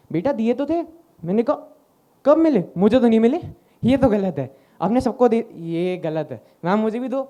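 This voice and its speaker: A man's voice: high voice, warm tone. A young man performing a stand-up comedy set, telling a story and acting out the dialogue.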